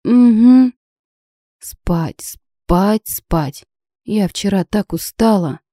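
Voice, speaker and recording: A woman's voice: mid-range voice, lively intonation, extremely slow, mellow, dry recording, studio quality, pitched above the performer's own voice. Woman voicing a flustered young heroine.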